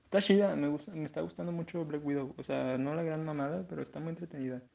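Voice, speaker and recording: A man's voice: a little high, steady tone, fast, gravelly, mellow, highs cut off. A queasy young man with a Mexican accent, rambling crudely in a casual video diary. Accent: Mexican Spanish.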